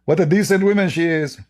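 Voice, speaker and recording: A man whose first language is Arabic hosts with casual commentary in a fairly high, slightly mellow voice. He's sarcastic and mocking, and he often repeats himself.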